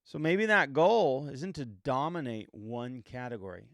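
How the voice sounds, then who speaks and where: A man in his fifties from the United States hosts a podcast with a reflective motivational monologue, earnest and emphatic, repeating points and posing rhetorical questions. His mid-range voice is expressive, unhurried and a bit bright, in a dry recording.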